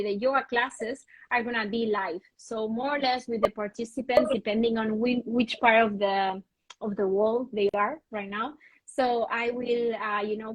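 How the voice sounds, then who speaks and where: A woman's voice: fairly high pitch, a bit bright, no echo, poor audio. A woman guest on a video-call interview, explaining her wellness program in an earnest, passionate way. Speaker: guest, wellness retreat host. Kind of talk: interview conversation.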